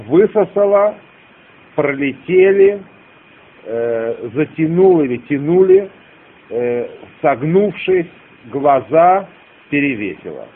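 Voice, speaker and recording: A man teaching a class, slowly dictating and explaining the rhymes of a poem with frequent hesitations. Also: fairly high pitch, vocal fry. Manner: slow, deliberate dictation with hesitations. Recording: tinny lo-fi tape with hiss.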